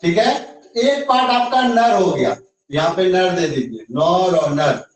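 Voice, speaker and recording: A man with a high voice teaches an online grammar class, explaining slowly, repeating each step and checking that students follow. He sounds far from the mic, in a very echoey room. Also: expressive. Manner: slow, repetitive explaining with frequent check-ins.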